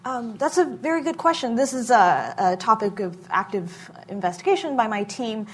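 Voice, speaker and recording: A woman researcher answering questions at a hearing, speaking in a measured way with frequent filler pauses. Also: fairly high pitch, expressive, breathy edge. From Massachusetts. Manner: measured, many filler uhs. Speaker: researcher giving testimony. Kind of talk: formal testimony answering questions.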